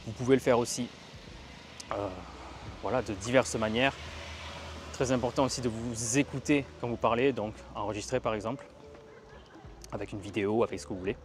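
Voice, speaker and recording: A man giving a casual language lesson while walking outdoors, lively and stressing words to demonstrate tones. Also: mid-range voice, a little fast, pauses often, a little hiss or hum. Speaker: language teacher.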